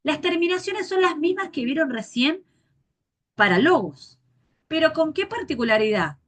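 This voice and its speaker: A woman teacher gives a grammar lecture, patiently repeating forms slowly and spelling out endings. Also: high voice, very animated.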